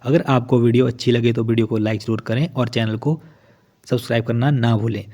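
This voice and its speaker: A man's voice: mid-range voice, fairly even intonation, fairly quick, dark tone. A man teaching an online exam-prep lesson, explaining step by step and repeating each definition after asking and answering his own questions. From Himachal Pradesh, India.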